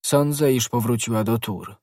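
A man's voice: mid-range voice, normal speed, darkish tone, no echo, studio quality, close to an everyday voice. A man reading as D'Artagnan, a bold young guardsman. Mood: brisk. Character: bold young male guardsman, brisk and knowing.

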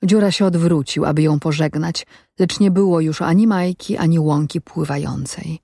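A woman narrating a story aloud in a calm, measured reading. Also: sits low, creaky, dry recording, studio quality. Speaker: audiobook narrator. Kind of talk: scripted narration.

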